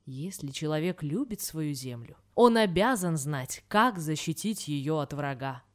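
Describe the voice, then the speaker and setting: Женщина озвучивает спокойного мудрого старика-крестьянина. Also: female voice, deep voice, a little slow, pitched below the performer's own voice. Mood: calm. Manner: steady, unafraid. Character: calm wise old male peasant farmer.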